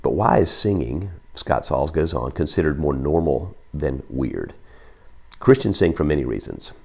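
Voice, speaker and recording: A man preaching a Sunday sermon with a croaky, froggy voice, often repeating words as he reads excerpts from a book. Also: rumbling low, big pitch swings, normal speed, darkish tone. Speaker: pastor.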